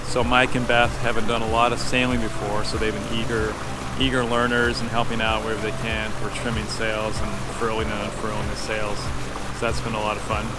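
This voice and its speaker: A man in his fifties hosting a sailing vlog, chatting casually to a handheld camera on a sailboat, relaxed and rambling with fillers. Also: fairly low pitch, brisk, loud music behind the voice. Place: outdoors on a sailboat on a river. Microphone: phone held at arm's length.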